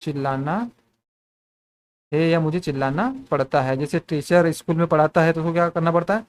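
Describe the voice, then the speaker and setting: A man's voice: on the high side, level tone, fairly quick. A man teaching spoken English in Hindi, asking the same questions again and again and calling his viewers friends.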